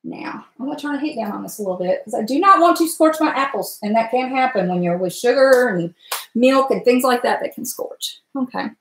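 A woman in her forties with an Appalachian Virginia accent cooks at her home stove while live streaming, chatting folksily and ramblingly with her viewers. Her voice is fairly high, a bit bright, expressive and a little fast. The stove-side webcam picks up an echoey kitchen.

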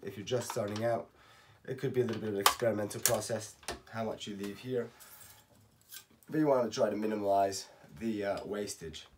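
Slightly hoarse man in a tutorial. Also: on the low side, a little fast, noisy background. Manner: relaxed, talks through each step, counts aloud. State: slightly hoarse, losing his voice. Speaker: racket stringing instructor. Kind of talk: step-by-step how-to tutorial. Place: home workshop at night. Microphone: camera on a tripod.

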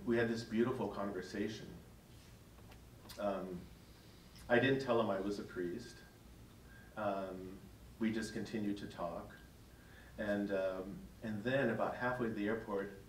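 A man's voice: fairly low pitch, a little hiss or hum. A middle-aged man, a priest, telling a story to his parish in a conversational, chuckling way. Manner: conversational, chuckling as he tells stories. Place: church hall in front of an audience. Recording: echoey hall, distant mic.

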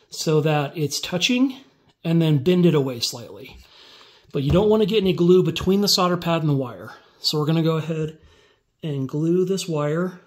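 In an easygoing, step-by-step way, a man who makes DIY tutorials describes each move of a workbench build as he works by hand. His voice is slightly high. He's recorded indoors with a phone held above the bench.

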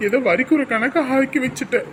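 A man's voice: very high-pitched, a little fast, a little hiss or hum, poor audio. A young man playing a husband and son who grumbles and sounds exasperated.

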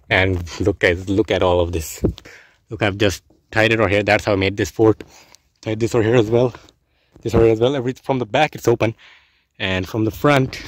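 Excited young man vlogging in a car. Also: on the low side, dry recording. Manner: chatty, says guys constantly, excited. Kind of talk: casual vlog narration. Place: inside a parked car under a blanket fort. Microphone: handheld phone camera.

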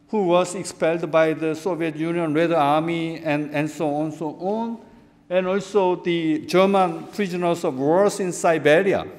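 A middle-aged man from South Korea giving a keynote academic lecture at a lectern, animated and gesturing, often restarting phrases. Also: sits high. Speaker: keynote speaker. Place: large conference hall. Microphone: lectern microphone. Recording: long reverb of a lecture hall.

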